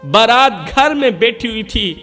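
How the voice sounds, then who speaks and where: A high-voiced man tells an emotional religious story and repeats his lines for effect. His voice rings with a long hall reverb. Faint music runs underneath. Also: animated, bright, forceful tone.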